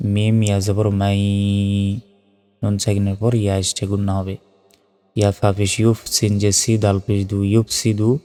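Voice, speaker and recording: Calm, deep-voiced male Quran teacher. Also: smooth, in a large hall, faint music behind. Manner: spells out letters and vowels, then chants the words slowly. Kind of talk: step-by-step recitation lesson.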